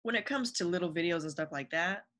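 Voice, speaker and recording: Bright-voiced young woman, earnest guest. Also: on the low side, lively intonation, quick pace. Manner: earnest, upbeat advice-giving. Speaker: podcast guest, actress. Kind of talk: casual interview chat.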